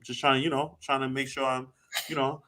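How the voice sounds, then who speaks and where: The delivery is flat and a little fast, with a sharp tone to his mid-range voice. He's a late-thirties podcast co-host in casual chat, rambling reflectively, restarting his sentences again and again, and filling gaps with "you know."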